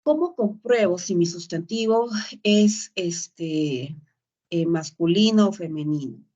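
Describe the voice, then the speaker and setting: A woman's voice: on the low side, animated, slow, warm tone. A woman teaching a grammar lesson, explaining patiently and checking in with short tag questions. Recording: dull lo-fi sound.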